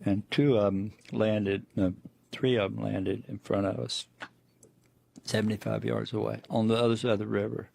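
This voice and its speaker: Gravelly low-voiced man telling a story. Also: little pitch movement, moderate pace, darkish tone. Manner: plainspoken storytelling with restarts. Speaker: eyewitness guest. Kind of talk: recounting a personal encounter.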